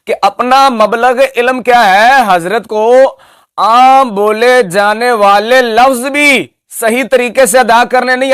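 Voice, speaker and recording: A man's voice: high-pitched, a bit bright, clean tone, dry recording, studio quality. A man giving an emphatic, mocking religious speech that picks apart another scholar's pronunciation. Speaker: Islamic preacher.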